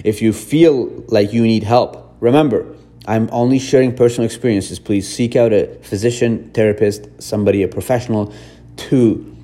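A man from Afghanistan hosting a podcast, speaking to his listeners in a mellow, warm voice. He talks earnestly and repeats his points. His delivery is reflective and direct, like a self-help monologue. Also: on the low side. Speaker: podcast host.

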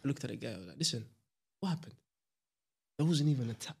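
A man telling a story in a casual chat, animated and slangy. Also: medium pitch, quick pace, creaky, slightly rough.

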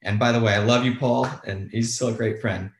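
A man's voice: medium pitch, fairly even intonation, a little fast, reverberant, slight background noise. A man, a guest on a talk show, telling a story casually, candid and self-deprecating, with some swearing. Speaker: guest, former bond trader.

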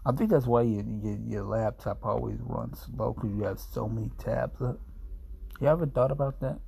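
Talking to camera at a normal speed, this twenty-something vlogger meanders through a casual, self-deprecating ramble and sounds half asleep. He has a mid-range, mellow voice with vocal fry.

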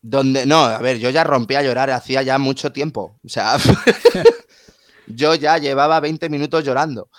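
Casting: man, casual animated chatter, dry close recording. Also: mid-range voice, unhurried, dry recording. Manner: animated, emotional storytelling. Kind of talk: casual chat.

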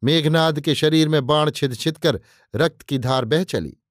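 A man's voice: on the high side, measured pace, no echo. A man narrating an audiobook in a vivid, declamatory storytelling style, close on the mic. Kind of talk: dramatic scripted narration.

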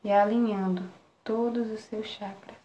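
A Brazilian woman guiding a relaxation meditation in a soft, soothing spa-like manner, with long pauses between short phrases. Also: medium pitch, steady tone, dull audio. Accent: Brazilian Portuguese. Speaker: meditation guide. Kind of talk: guided relaxation meditation, live. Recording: roomy echo, faint background noise.

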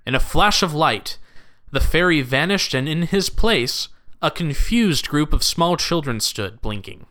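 A man narrating an audio drama with expressive, lively storytelling. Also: on the high side, a little slow.

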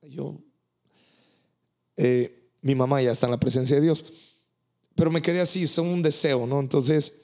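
A man, a pastor hosting a faith podcast, speaking earnestly with many halting restarts. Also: mid-range voice, steady tone.

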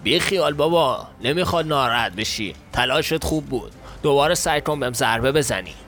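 A man's voice: mid-range voice, fairly bright tone, soft background music, close to an everyday voice. A man voicing a playful, boastful male stone colossus who taunts his foe. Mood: taunting.

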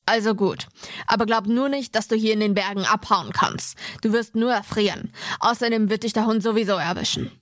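A woman voicing a gruff adult male captor who threatens a boy and commands his dog. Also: mid-range voice, brisk, no echo, lightly acted. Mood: threatening.

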